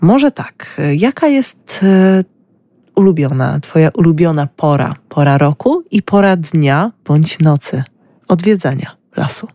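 Slow, mellow-voiced woman radio host. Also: deep voice, expressive, no echo. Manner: slow, measured, searching for words. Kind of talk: radio interview.

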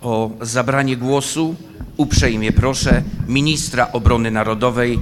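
A man's voice: medium pitch, steady tone, measured pace, background noise. A man formally announcing speakers as master of ceremonies.

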